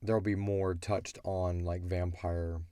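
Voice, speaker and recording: Here the co-host takes it slowly, his deep, level voice mellow and smooth, recorded in studio quality with no echo. As the show's creator, he chats informally about the audio drama and rambles through answers to listener questions.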